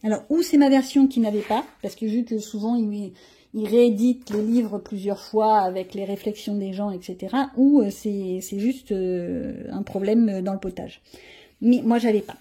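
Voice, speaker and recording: Chatty female crafts host: grumbly, self-deprecating, a warm husky voice. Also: medium pitch, steady tone, moderate pace. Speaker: coloring channel host. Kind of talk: casual chat showing her coloring pages.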